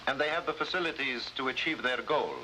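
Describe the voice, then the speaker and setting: In a 1950s spy drama, a supporting actor plays a grave, formal Latin American head of government, speaking in a measured and cautious style. His male voice is medium-pitched, pushed and bright, heard on a noisy vintage broadcast recording.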